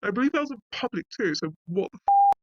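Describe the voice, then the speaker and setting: A man's voice: very high-pitched, wildly swooping pitch, fast, dry recording, dull audio. A man reading a wiki article aloud and breaking off into casual asides, often saying "like". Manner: reads passages, then breaks off into offhand asides with frequent "like".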